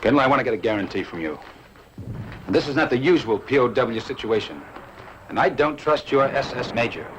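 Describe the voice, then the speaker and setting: An actor playing a captured American colonel who answers tersely and guardedly. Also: male voice, mid-range voice, lively intonation, fairly quick, close to an everyday voice. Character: captured American bomber colonel, male, steady and defiant. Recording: noisy TV drama soundtrack.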